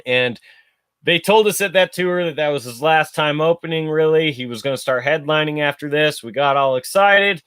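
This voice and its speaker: A man's voice: fairly high pitch, normal speed, a bit bright, clean tone, no echo. Young male podcast host, casual rambling delivery, dry close mic. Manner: rambling, filler-heavy, self-correcting. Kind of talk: casual solo podcast monologue.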